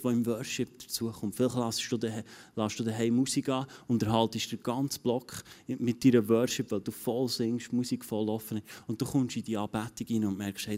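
Preaching earnestly in a lowish, dark voice, this man keeps repeating phrases and restarting. He also performs the inner voices he quotes.

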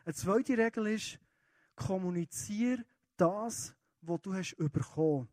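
A man's voice: sits high, slow pace, darkish tone, no room sound. A man preaching a sermon in a church with a Swiss German accent, speaking earnestly and directly to his listeners in a conversational way.

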